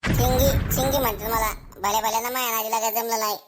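A woman's voice: a little high, fairly even intonation, fast talker, close to an everyday voice. A woman voicing a mouthy village schoolgirl, hurling mocking insults. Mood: taunting.

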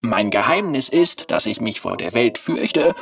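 Narrator playing a shy porcelain clockwork boy, slow. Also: mid-range voice, animated, gravelly, recorded from a distance. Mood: soft.

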